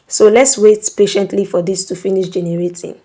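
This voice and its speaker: Speaking a little fast in a warm, mid-range voice with fairly even intonation, a woman hosts a screen-recording tutorial. She explains the steps patiently and instructively, repeating "okay?" to make sure viewers follow.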